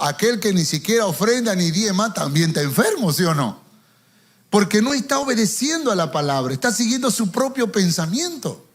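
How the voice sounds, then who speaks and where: High-voiced preacher telling stories. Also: male voice. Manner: storytelling preacher who acts out quotes and repeats words. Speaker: pastor. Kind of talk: sermon.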